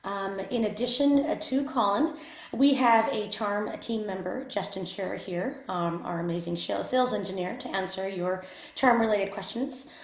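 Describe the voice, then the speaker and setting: A woman's voice: medium pitch, normal speed. Woman hosting a webinar, roomy sound. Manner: polite, formal, with frequent fillers. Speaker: webinar host. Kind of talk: webinar introduction.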